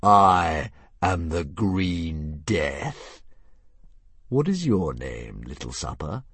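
A man voicing a huge, sleepy, smugly polite old male dragon who speaks with slow courteous menace. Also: deep voice, very animated, a bit bright, slightly rough, no room sound, heavily acted.

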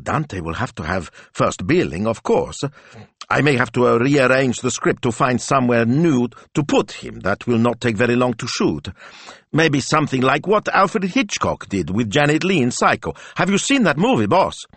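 A man voicing an eager, excitable young man who rushes breathlessly through his ideas. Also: mid-range voice, husky, no room sound, voice pushed up, full character voice. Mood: eager, rambling.

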